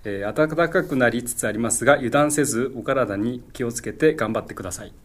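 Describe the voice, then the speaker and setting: A man's voice: mid-range voice, brisk. A man co-hosting a casual talk show, reading a listener's letter and chatting in an easygoing, agreeable way. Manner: easygoing, agreeable, laughs often. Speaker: radio co-host.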